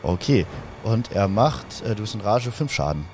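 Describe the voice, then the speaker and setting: A man running a tabletop game as game master, talking in a halting way with many fillers. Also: sing-song, vocal fry, faint music behind. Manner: hesitant, many fillers, jumps into high shouted character voices.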